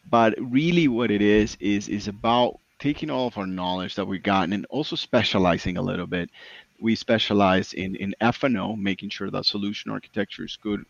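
In a business interview, a man who founded a consulting firm speaks earnestly, repeating words and often tacking on "right?" His voice is fairly low and creaky. The audio is lo-fi but has no echo.

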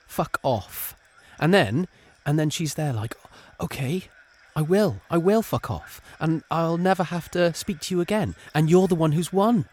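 A man playing an angry, erratic young understudy actor who swears a lot and swings between loud and soft. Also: a little high, expressive, unhurried, hardly any pauses. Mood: ranting. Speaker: improvised comedy performer.

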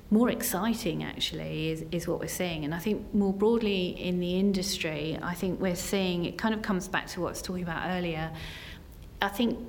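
A woman from Essex, England, a senior business executive appearing as an interview guest, answers in a voice on the low side with slight background noise. Her answers are earnest and conversational, sprinkled with "you know" and "kind of".

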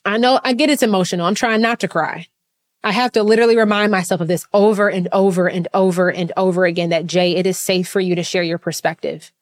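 A woman business coach giving an impassioned, repetitive motivational talk, swearing freely. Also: mid-range voice.

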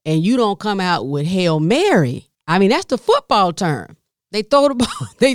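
Smooth-voiced woman telling a story slowly. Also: medium pitch, dry recording, clean studio sound. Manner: expressive, with dramatic pauses and direct asides to listeners. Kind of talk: personal storytelling to an audience.

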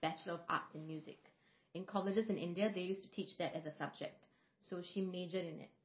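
A woman who is a singer and vocal coach, from Singapore, telling stories in a relaxed podcast chat with frequent fillers. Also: fairly low pitch, fast. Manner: reflective, storytelling, frequent fillers. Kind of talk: casual podcast conversation. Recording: roomy, slightly dull podcast audio.

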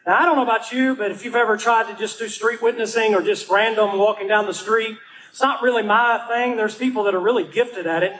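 Animated pastor telling a story. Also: male voice, high voice, brisk, a little hiss or hum, low-quality recording. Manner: animated, acts out quotes in raised voice. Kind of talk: storytelling sermon.

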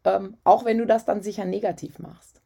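Husky-voiced woman giving parenting advice. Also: medium pitch, steady tone, normal speed, warm tone. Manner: conversational, frequent "ja" and "ähm" fillers. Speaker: parenting coach.

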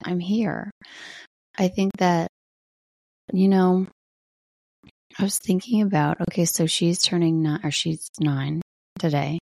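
A middle-aged woman with a low morning voice, talking casually and reflectively in a personal solo check-in as a podcast host. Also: little pitch movement, slow pace, creaky, long pauses, a little mellow, no room sound. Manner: reflective, conversational.

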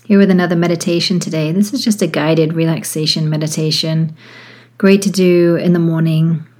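A woman leading a guided relaxation meditation in a soft, soothing, breathy voice that often drops toward a whisper. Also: low voice, fairly even intonation, a little fast. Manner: soothing, gentle, breathy near-whisper delivery. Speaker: yoga and meditation teacher.

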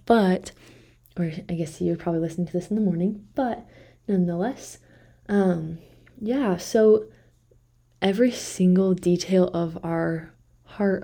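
A woman's voice: lowish voice, mellow. A woman hosting a devotional podcast, talking casually and thinking aloud, correcting herself as she goes. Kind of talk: casual faith reflection talk.

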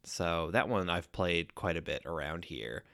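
A man co-hosting a podcast in casual chat, slightly congested from allergies, relaxed and chatty. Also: deep voice, a little slow, gravelly, no echo, clean studio sound. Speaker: podcast co-host.

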